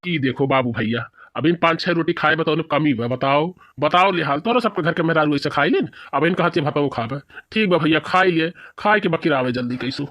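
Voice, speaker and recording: A man's voice: on the high side, lively intonation, brisk, fairly bright tone, no room sound, clean studio sound. A man voicing a thin, complaining old village husband in a cartoon, with a whiny, grumbling manner. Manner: whiny and grumbling, with rustic dialect. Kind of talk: cartoon voice acting.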